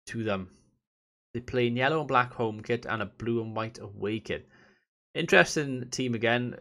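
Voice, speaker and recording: A man's voice: mid-range voice, fairly bright tone. A man from south Wales with a Valleys accent, giving casual, chatty commentary as host of a gaming vlog. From Merthyr Tydfil, south Wales. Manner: informal, chatty explaining.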